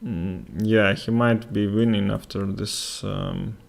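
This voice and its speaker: A young Latvian man with a Russian accent commentates a live chess game haltingly, filling his speech with fillers and pauses. His voice sits on the low side, steady in tone and gravelly.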